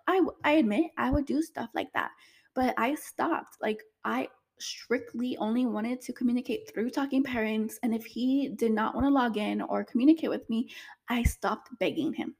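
Young woman, single mom, casual vlog, gravelly, slightly high voice, chatty, lots of fillers. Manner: chatty, many fillers, emotional. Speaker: single mother vlogger.

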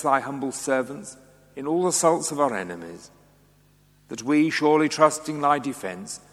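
A man leading formal Anglican prayers in a solemn, measured way, with a cathedral echo around his voice. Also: medium pitch, a bit bright. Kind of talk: liturgical prayer recitation. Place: large reverberant church. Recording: cathedral echo, long reverb.

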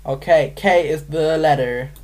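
This woman from Manchester, England, co-hosts a podcast and stays giggly and playful as she chats her way through a word game. She has a deep, warm voice and an unhurried pace.

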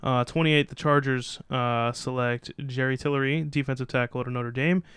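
A man's voice: mid-range voice, steady tone, normal speed, fairly bright tone, clean tone, no room sound. A man co-hosting a casual sports podcast, reading out draft picks and giving loose, opinionated takes. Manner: opinionated, loose, reads out picks then riffs. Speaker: podcast co-host.

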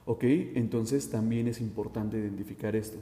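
Man instructing, warm voice, echoey room. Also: fairly low pitch, steady tone, normal speed. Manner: direct and instructive, with frequent 'eh' fillers. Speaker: safety instructor. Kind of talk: instructional talk addressed to the listener. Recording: roomy with long reverb.

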